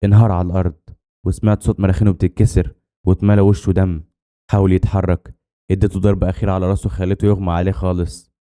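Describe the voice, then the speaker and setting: Racing through a suspenseful tale told in the first person, an Egyptian-accented man narrates at breakneck speed. He builds tension dramatically in a low, dark voice that is mellow rather than bright.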